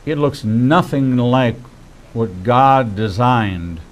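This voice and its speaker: Slow-talking preacherly man in his 60s. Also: medium pitch, expressive, low-quality recording. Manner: measured, preacherly phrasing. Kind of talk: faith-based interview conversation.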